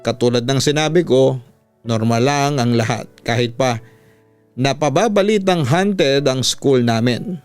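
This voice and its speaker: With a clean, medium-pitched voice and no echo, a Filipino man speaks a little slowly as a radio host narrating a listener's story. He reads the letter in the first person, in a scripted way, mixing in some English with his conversational Tagalog as music plays underneath.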